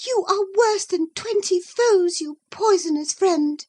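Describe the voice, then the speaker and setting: Woman doing a high, wounded young lady. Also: takes it slowly, darkish tone. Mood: indignant. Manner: high, wounded, pleading outbursts. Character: infatuated young woman, tearful and indignant.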